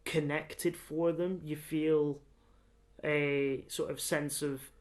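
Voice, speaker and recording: Here the young podcast co-host speaks slowly in a fairly high, even-toned voice. His talk is loose, eager chatter that wanders and leans heavily on fillers.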